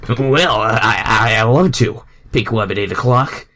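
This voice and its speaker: A man's voice: lowish voice, a little slow, bright, forceful tone. A man reading the part of a friendly, laid-back hedgehog hero in fan fiction, casual and slightly stammering. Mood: bashful.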